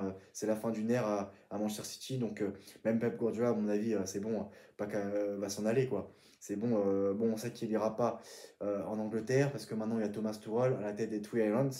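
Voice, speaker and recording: A man ranting about football in a casual, exasperated way, filling pauses with hesitations and repeating himself. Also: medium pitch, mellow. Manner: heated, exasperated ranting with frequent "euh" fillers and repetitions. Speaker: football commentator YouTuber. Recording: roomy echo.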